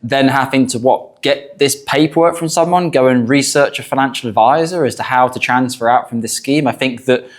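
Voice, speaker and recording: A man's voice: mid-range voice, brisk, few pauses. A middle-aged man hosting a conversational explainer interview as a financial adviser.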